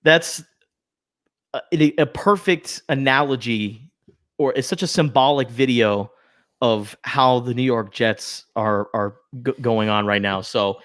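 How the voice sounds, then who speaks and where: A man's voice: medium pitch, measured pace, a bit bright, no echo, studio quality. A man hosting a podcast in easygoing casual chat, chuckling often. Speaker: podcast host.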